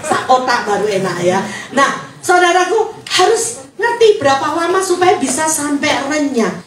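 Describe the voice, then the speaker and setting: A woman pastor, preaching a lively sermon and joking with the congregation. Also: high-pitched, a little slow. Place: church hall. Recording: echoey hall, distant mic.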